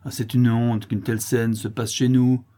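A man voicing a gentle young girl who pleads and implores, for a storybook reading. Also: medium pitch, flat delivery, moderate pace, lightly acted. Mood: pleading.

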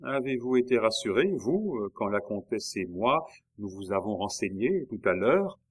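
A man voicing a proud, jealous queen who speaks with sharp irony that rises to fury. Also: on the low side, very animated, normal speed. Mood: furious. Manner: sharp, biting, rising to fury.

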